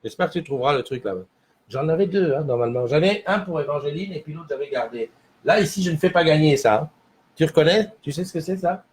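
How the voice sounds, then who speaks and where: A man's voice: on the high side, quick pace, husky. Chatty man hosting a morning livestream. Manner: rambling, reads out and answers viewer comments. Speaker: livestream host. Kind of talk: casual morning livestream chat. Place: small home studio.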